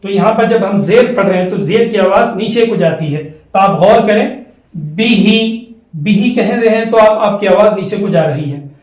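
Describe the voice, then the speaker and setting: A man with a Hyderabadi Urdu accent teaching Quranic letters, spelling each letter and syllable out and repeating it in a slow, deliberate classroom manner. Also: sits high, a little mellow. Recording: roomy, distant mic.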